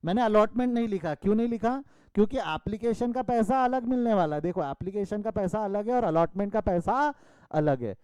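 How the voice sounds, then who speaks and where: A man's voice: high-pitched, animated, brisk, a little mellow, clear, resonant tone, no room sound, rough recording. A male commerce teacher from India giving an online class lecture over a video call, calling students "beta" and scolding them playfully.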